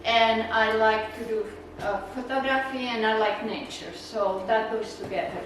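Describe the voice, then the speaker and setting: A woman with a Czech accent, from the Czech Republic, rambles chattily through slides for a naturalist club, with plenty of fillers and laughs. Her voice is a little high and steady, at a normal speed. The recording comes from a meeting room, echoey and noisy, with her voice at a distance.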